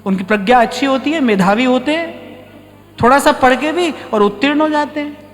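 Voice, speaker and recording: Male spiritual teacher, high voice, storytelling sermon in a reverberant hall with soft music. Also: normal speed. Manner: storytelling, acts out short dialogues. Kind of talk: devotional discourse. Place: ashram hall.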